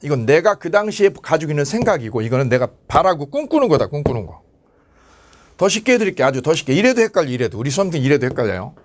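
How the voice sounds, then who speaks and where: A man teaching an exam-prep law class, asking quick questions and answering them himself. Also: on the high side, slight background noise. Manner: animated, asks and answers his own questions. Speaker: lecturer.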